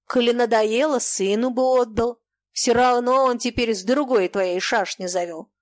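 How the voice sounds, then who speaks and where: A woman's voice: a little high, fairly even intonation, normal speed, dry recording, clean studio sound, natural voice. A woman reading the part of a proud, furious young male merchant who speaks defiantly and harshly. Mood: scornful.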